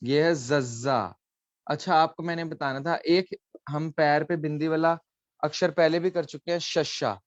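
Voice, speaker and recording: A man leads a live online class, explaining each letter patiently and checking that students follow. His voice sits a touch high and sounds close and dry. The call audio comes through dull and lo-fi. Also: little pitch movement, normal speed, no room sound. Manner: patient, coaxing, mixes in English phrases. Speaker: online language teacher.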